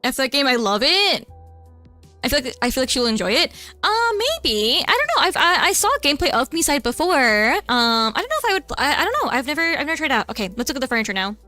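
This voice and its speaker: A woman's voice: high voice, lively intonation, fast, pushed and bright, soft background music. A woman VTuber chatting casually while playing a game, flustered and chatty, tacking a cutesy "nya" onto her lines. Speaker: VTuber streamer. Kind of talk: casual gameplay streaming chat.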